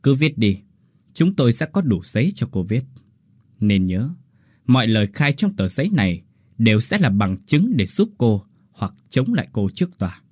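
A stern male military interrogator speaks measured and formal in a horror audio story, as a man voices him. His voice is dark and husky, recorded dry and close. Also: medium pitch, very animated, dry recording.

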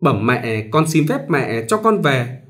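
A man's voice: mid-range voice, very animated, slow, fairly bright tone. A man voicing a grieving young bride who pleads and sobs. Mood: pleading. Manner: pleading, sobbing.

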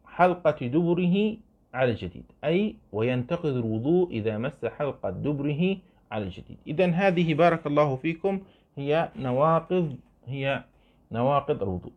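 A man at a middle pitch gives a fiqh lesson, going back over each point and putting questions to his students. He shows what he means with his hands as he talks. The sound is narrow and thin, like a phone line. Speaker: Islamic law teacher. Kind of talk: explaining a classical fiqh text.

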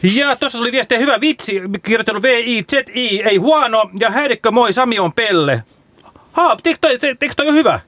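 A man's voice: extremely high pitch, animated, bright, forceful tone, a little hiss or hum. A man hosting a casual radio chat show, reading listener messages and rambling with many restarts. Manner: rambling, halting, full of restarts.

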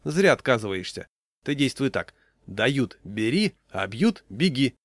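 A man's voice: mid-range voice, very animated, measured pace, no room sound, clean studio sound. A man voicing a sly, worldly man who hands out cheeky advice in a lecturing tone.

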